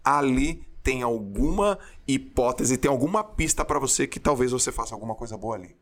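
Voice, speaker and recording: A man in his forties who used to swim competitively tells stories in a relaxed interview, his mid-range voice moving at a brisk clip. He's an animated storyteller who acts out the voices of the people he quotes.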